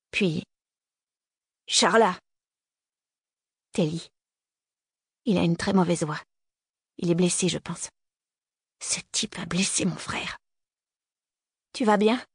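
Low, gravelly woman reading a thriller. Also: no room sound, clean studio sound. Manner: tense, breathless first-person telling, lively in dialogue. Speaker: audiobook narrator. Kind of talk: first-person novel narration.

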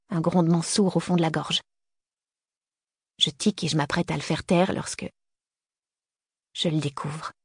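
A woman's voice: sits low, darkish tone, slightly rough, no echo, clean studio sound. A woman narrating a novel in the first person, with tense, breathless storytelling. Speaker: audiobook narrator.

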